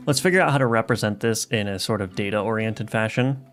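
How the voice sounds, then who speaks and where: With soft lofi music playing, a man codes live as a game developer, chatting casually with his stream chat and thinking aloud through many fillers and restarts. His voice is on the low side and his pace is brisk.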